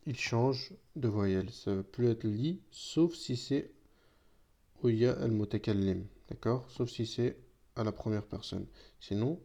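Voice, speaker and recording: A man's voice: fairly low pitch, mellow. A man, a native Arabic speaker, explaining an Arabic grammar lesson patiently, often checking in with "d'accord?". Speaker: Arabic teacher. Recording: dull lo-fi sound.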